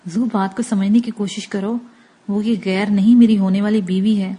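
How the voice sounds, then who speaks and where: A woman voicing an exasperated young man who pleads and argues, in a mellow, darkish tone. It is read as a storybook dialogue, with mild irritation throughout. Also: medium pitch, steady tone, breathy edge, lightly acted. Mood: pleading.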